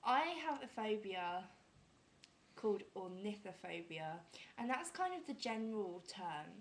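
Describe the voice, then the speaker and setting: Animated, creaky young British woman, giggly. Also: medium pitch, measured pace, slight background noise. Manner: self-deprecating, giggly. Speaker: vlogger. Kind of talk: casual chat with a friend.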